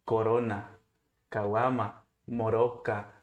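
A man's voice: lowish voice, little pitch movement, slow, roomy sound, narrow, tinny audio. A man with a Mexican Spanish accent telling a rambling party story in a casual chat, searching for words.

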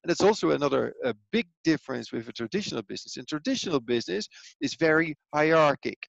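A man from the Netherlands with a Dutch accent, a business coach explaining his ideas in a halting way full of fillers. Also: on the high side, animated, vocal fry, no echo, lo-fi sound. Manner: hesitant, many fillers and restarts. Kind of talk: explanatory interview answers.

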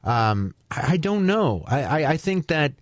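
Lively, musing male radio host. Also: a little high, unhurried, dry recording. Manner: hesitant, musing, repeats words. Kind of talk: talk radio discussion.

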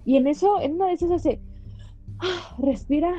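A young woman, a podcast guest telling a personal story in an animated way, full of "o sea" and "¿no?". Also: very high-pitched, moderate pace, muffled recording, soft background music. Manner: animated, fills talk with "o sea" and "¿no?". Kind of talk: casual storytelling.

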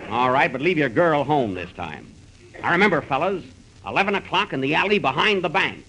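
An actor playing a brisk, bossy comic gang leader and wry announcer in an old radio sketch. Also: male voice, a little high, lively intonation, pushed and bright. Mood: commanding. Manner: brisk, wisecracking. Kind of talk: 1930s radio comedy sketch acting and narration. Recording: noisy old radio recording.

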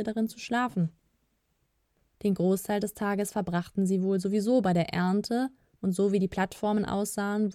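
A woman narrating a fantasy storybook in a calm, even reading. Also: medium pitch, dry recording, studio quality. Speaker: audiobook narrator.

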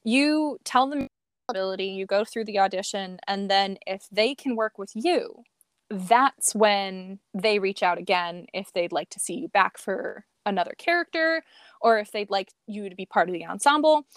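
On a podcast, a woman who does amateur performing and cosplay tells anecdotes earnestly and casually. Her medium-pitched voice has lively intonation at a moderate pace, and the recording is dry.

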